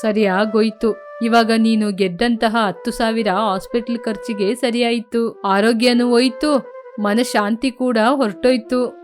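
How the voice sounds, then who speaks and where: A woman voicing a stern young husband who scolds his wife in a lowered voice. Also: fairly even intonation, a little slow, faint music behind, lightly acted. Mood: scolding.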